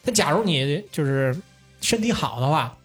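Animated young man swearing through a story. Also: fairly high pitch, moderate pace, breathy edge, faint music behind. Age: young adult. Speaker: podcast host. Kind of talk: casual chat.

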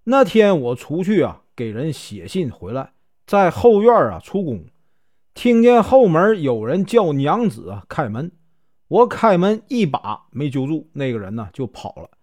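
A man's voice: on the high side, sing-song, unhurried, darkish tone, dry recording, clean studio sound. A male storyteller voicing an anxious young scholar who pleads his case before a judge. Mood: pleading. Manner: pleading, defensive.

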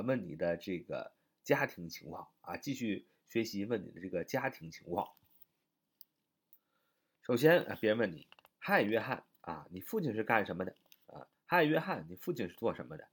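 A man's voice: lowish voice, husky. A man teaching a spoken English lesson, explaining patiently, repeating phrases and using many fillers.

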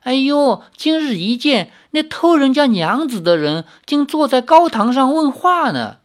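A reader voicing a brazen, mocking female thief, in a high, teasing, flippant voice. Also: sing-song, unhurried.

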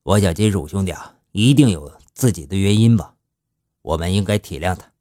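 A respectful young thief, voiced by a male storyteller, answers his elder in a quick, deferential way. The voice is low and dry, recorded close. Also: warm tone, no room sound, close to an everyday voice.

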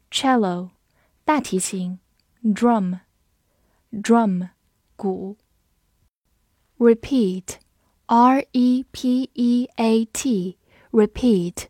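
A woman teaching English vocabulary, who spells words letter by letter and reads example sentences slowly. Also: on the high side, warm tone, no echo, clean studio sound. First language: Chinese. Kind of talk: slow, clear vocabulary lesson.

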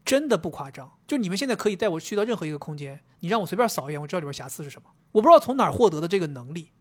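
A man's voice: sits high, racing. A man co-hosting a casual chat podcast, telling stories with animation and acting out both sides of a conversation. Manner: animated storyteller, acts out dialogue. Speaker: podcast co-host.

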